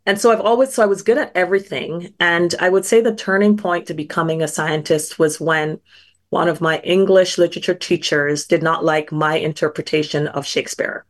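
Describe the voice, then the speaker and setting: A woman's voice: lowish voice, fairly even intonation, a little fast. A middle-aged woman from Barbados, a scientist guest telling her story in a thoughtful, earnest way. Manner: thoughtful, earnest, frequent small restarts. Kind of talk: reflective personal storytelling.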